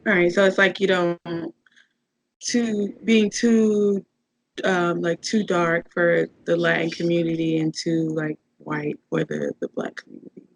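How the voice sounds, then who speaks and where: A woman's voice: lowish voice, flat delivery, unhurried, no room sound, rough recording. Hesitant woman host asking questions. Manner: hesitant, many ums. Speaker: podcast host. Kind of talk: interview questions.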